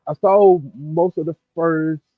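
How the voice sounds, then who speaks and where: A man's voice: on the high side, fairly even intonation, takes it slowly. A man in easygoing sports talk whose voice comes through dull and muffled, as if through a wall. The remote line is narrow and lo-fi, like a cheap phone call. The room behind him adds no echo. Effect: muffled, as if heard through a wall. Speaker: guest analyst on a sports stream.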